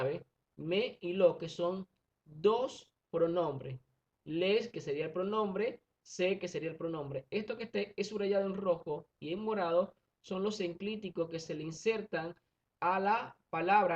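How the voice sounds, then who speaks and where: A male primary school teacher giving a recorded online grammar lesson, explaining patiently step by step and often checking that students follow. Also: high-pitched. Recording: dull lo-fi recording.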